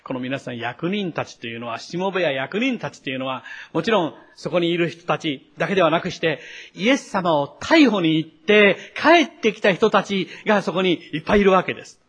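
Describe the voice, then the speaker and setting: Husky-voiced male pastor preaching expressively. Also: on the high side. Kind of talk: sermon.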